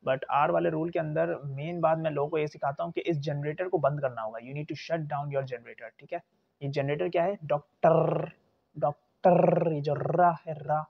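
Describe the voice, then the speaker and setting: A young man teaching English pronunciation in a casual spoken lecture, patiently repeating words slowly with chatty asides. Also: a little high, gravelly. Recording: dull lo-fi recording.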